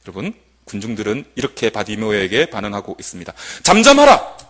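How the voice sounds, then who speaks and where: A young male preacher delivers a sermon in a church, his voice sitting high and leaping up and down in pitch. He swings between booming declarations and quiet, near-whispered asides. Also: sing-song, fairly quick. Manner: dramatic, swings from loud proclamation to hushed asides. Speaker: junior pastor.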